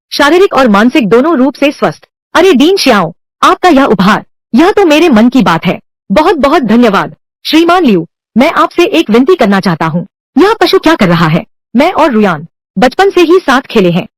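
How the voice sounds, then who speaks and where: Recorded dry with no room sound, a high-voiced woman performs all the parts of a dubbed drama alone. Male or female, each character gets the same unaltered reading voice.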